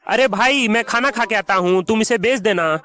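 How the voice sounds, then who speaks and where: A man's voice: high-pitched, normal speed, bright, forceful tone. A man dubbing a comic skit, bickering, scolding and mock-indignant.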